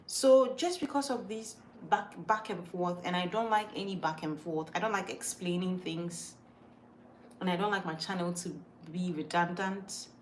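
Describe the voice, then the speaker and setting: This rough recording, carrying slight background noise, captures a Ghanaian livestream host with a lowish voice and moderate pace. Her accent is mixed from moving around. Chatting casually, she reads viewer comments aloud, stressing and repeating words as she works things out.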